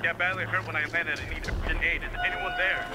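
A man's voice: fairly high pitch, steady tone, fast talker, over loud music. An actor playing an injured male co-pilot sending an urgent mayday over a radio call that breaks up and cuts out. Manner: urgent, clipped radio calls. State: badly hurt, strained. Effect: radio distress call breaking up and cutting out.

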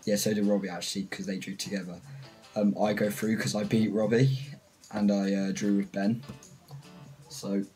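A man's voice: on the low side, level tone, normal speed, pauses often, warm tone, soft background music, rough recording. Laid-back British man narrating gameplay. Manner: self-mocking, rambling, laid-back. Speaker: gaming channel host. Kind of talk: casual gameplay commentary voice-over.

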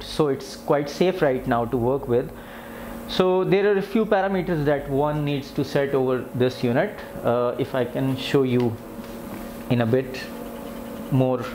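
Recorded by a camera in a tiled-floor clinic treatment room, with poor audio and clear background noise, a man in his thirties with a fairly high, a little mellow voice demonstrates physiotherapy equipment. He explains plainly and step by step, unscripted.

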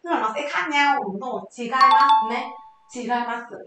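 A woman teaching Japanese vocabulary for an exam, quizzing her viewers and answering her own questions in a lively way. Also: sits high, fairly quick, soft background music. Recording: very echoey room.

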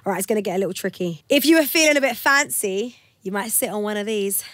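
A woman's voice: medium pitch, fast, no room sound. A woman radio presenter, playfully quizzing and teasing her guest in a studio interview. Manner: teasing, laughing, lively.

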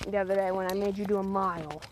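A woman's voice: mid-range voice, fairly even intonation, fast, noisy background. A teenage girl giving a casual, chatty vlog outdoors into a phone, with a bossy, giggly manner. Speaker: older sister vlogging, coaching siblings. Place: outdoors on a driveway. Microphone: phone held at arm's length.

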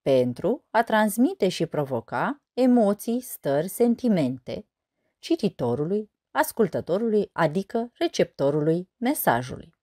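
A woman with a slightly low voice gives a scripted school lesson, slowing down to count the syllables of each line of verse. The recording is dry and close, with no room sound. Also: sing-song, warm tone, no echo. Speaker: teacher.

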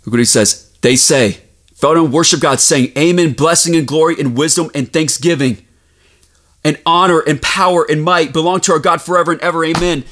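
Male preacher, high voice, fervent, rebuking, bursts of shouting, scripture reading. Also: a little fast.

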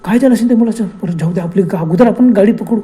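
A man voicing a shaken, exhausted husband lost on a dark road, speaking in an anxious, questioning way in a told horror story. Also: high-pitched, fast talker, natural voice. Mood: panicked. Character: shaken middle-aged husband, panicked and exhausted.

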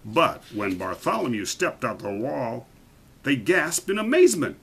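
A man reading a picture book aloud to children, animated and stopping to point out the pictures. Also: mid-range voice, measured pace, slightly rough, poor audio.

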